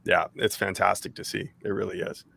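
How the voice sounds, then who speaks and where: Joking male podcast host with gravelly voice. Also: sits low, little pitch movement, pushed and bright. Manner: upbeat, joking, quick to laugh. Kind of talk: casual chat and read ad spot.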